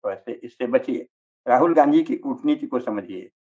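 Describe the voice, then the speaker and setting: A man giving a forceful, argumentative discourse full of rhetorical questions, speaking as the channel's regular speaker. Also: mid-range voice, expressive, moderate pace, husky, muffled recording. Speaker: speaker on religion and politics. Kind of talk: forceful lecture-style discourse.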